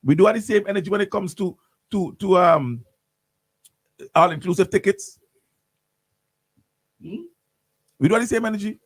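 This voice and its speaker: A man's voice: sits high, moderate pace, pauses often, dry recording. A man hosting morning radio talk, ranting animatedly with lots of repeats and restarts in a studio. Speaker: radio host.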